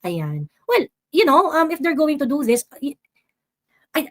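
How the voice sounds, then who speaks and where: A woman's voice: high voice, very animated, unhurried. A Filipino woman hosting a live stream, reading viewer comments and talking politics in a casual mix of Tagalog and English, full of fillers and exasperated asides. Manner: switches between Tagalog and English, many fillers, rising exasperation.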